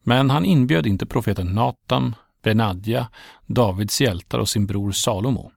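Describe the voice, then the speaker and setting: A man narrating a Bible story in a steady, measured reading. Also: lowish voice, vocal fry, dry recording, clean studio sound.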